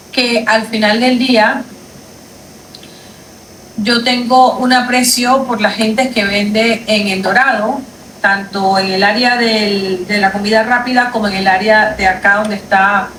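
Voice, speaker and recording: A woman's voice: medium pitch, fairly bright tone. A woman lawyer, making an indignant, emphatic livestream statement from a street at night, repeating her points. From Panama. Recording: echoey, distant from the mic, faint background noise.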